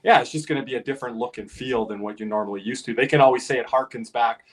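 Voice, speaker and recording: A man's voice: mid-range voice, fast talker. A man hosting a hockey podcast. He talks loosely and fills his speech with "you know" and "like". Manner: loose, filler-heavy, lots of "you know". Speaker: podcast host. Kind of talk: casual hockey podcast chat.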